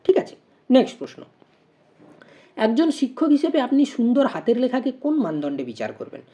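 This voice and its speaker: Lively, mellow-voiced woman teacher. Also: a little high, a little fast. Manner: reads out questions and options, then explains step by step with rhetorical questions. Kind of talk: exam-prep lesson going through multiple-choice questions.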